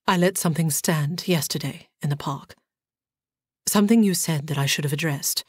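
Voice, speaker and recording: A woman voicing a reserved, formal male nobleman who speaks quietly and with earnest, halting sincerity. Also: low voice, slightly rough, dry recording, pitched below the performer's own voice.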